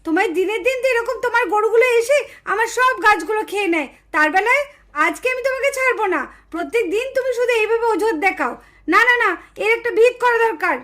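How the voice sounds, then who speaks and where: A woman voicing a quarrelsome village mother in a doll show, scolding and shouting her complaints. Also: extremely high pitch, lively intonation, quick pace. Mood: furious. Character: shrill quarrelsome village mother, easily enraged.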